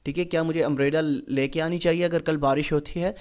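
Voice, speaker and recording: Male teacher, slightly higher voice, slow reading of examples, recorded exam-prep lecture. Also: steady tone, darkish tone, smooth. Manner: slow, deliberate reading of English example sentences, then explains in Urdu-Hindi; repeats "theek hai" often as a check-in. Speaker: English grammar teacher.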